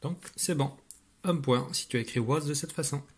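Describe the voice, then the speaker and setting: A man teaching a spelling lesson, slowly sounding out syllables with patient guidance to a child at home. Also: medium pitch, breathy edge. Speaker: primary school teacher.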